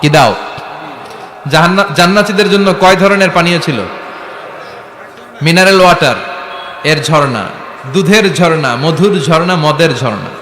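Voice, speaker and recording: A man's voice: a little high, moderate pace, long pauses, a bit bright. A man preaching a dramatic sermon, asking his audience rhetorical questions. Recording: echoey hall with faint ambience.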